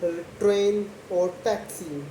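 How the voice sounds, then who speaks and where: In a slow English speaking practice video, a young woman who learned English as a second language describes her daily routine for learners. She talks extremely slowly and deliberately, pausing between short, simple phrases in a mellow, soft-edged, medium-pitched voice. The room echoes, with faint noise in the background.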